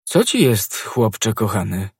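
A man voicing a noble, older musketeer who speaks in a measured, dignified and gently reproachful way. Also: medium pitch, lively intonation, husky, no echo, clean studio sound, voice pushed up. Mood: grave.

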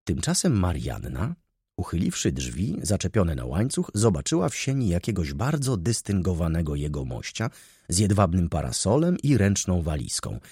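A male audiobook narrator with a deep, husky voice and a lively, wide-ranging pitch. His reading is measured and expressive. The sound is close and dry. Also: no room sound. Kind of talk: scripted narration.

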